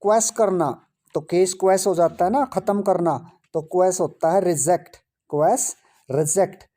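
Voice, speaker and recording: In this Hindi-language vocabulary lesson, a man works through English words, saying each one and its meaning again and asking rhetorical questions along the way. He speaks at a normal speed in a high, mellow voice.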